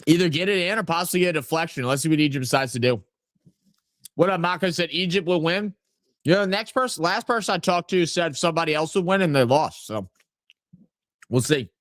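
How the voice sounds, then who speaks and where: A man hosts a live match watch-along, mixing loose play-by-play with shout-outs to his chat. His voice sits a little high, and he talks in a casual, rambling way. The recording is dry and close, with no room sound. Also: fairly quick, no echo.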